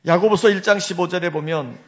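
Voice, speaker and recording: A woman's voice: lowish voice, a little fast. A woman senior pastor preaching a sermon, telling stories and addressing the congregation directly. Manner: storytelling, addresses congregation, leads call-and-response.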